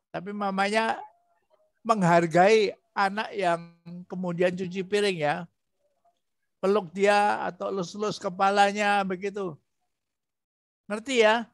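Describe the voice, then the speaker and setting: A man training a student in preaching, asking patient prodding questions and acting out gentle examples. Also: high voice, steady tone, unhurried, vocal fry, long pauses, no echo, studio quality. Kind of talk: coaching a student in preaching practice.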